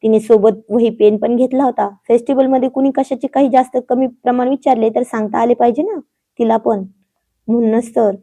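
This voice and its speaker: A woman narrating a romantic story in a gentle, even storytelling manner. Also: fairly high pitch, a little fast.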